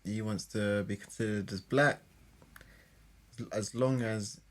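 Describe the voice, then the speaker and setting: A man's voice: on the low side, fairly even intonation, unhurried. A young man co-hosting a podcast, laid-back and joking in casual chat. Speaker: podcast co-host.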